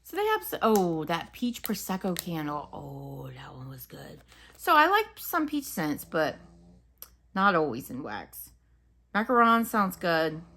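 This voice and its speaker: A woman's voice: mid-range voice, big pitch swings, unhurried, bright, forceful tone, slight background noise. A woman casually reviewing wax melts, chatting and musing aloud as she describes each scent. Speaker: home fragrance reviewer. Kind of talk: casual unscripted product review.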